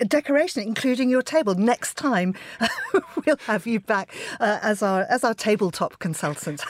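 A woman presenting a radio programme from the studio, brisk and light, laughing easily. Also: a little high, wildly swooping pitch. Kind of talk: radio hosting.

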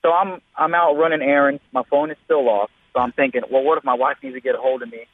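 A man's voice: medium pitch, fairly even intonation, fast, dry recording. A man in his thirties calling into a radio show over the phone, telling a rambling story full of fillers. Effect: phone-line caller on a radio show. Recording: tinny phone line, dry.

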